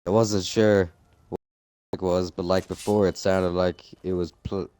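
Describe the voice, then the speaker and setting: A young man reading a horror story aloud with friends, halting and losing his place as he goes. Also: low-pitched, little pitch movement, dark tone, a little hiss or hum. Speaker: co-host reading a creepypasta aloud. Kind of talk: casual group reading of a story.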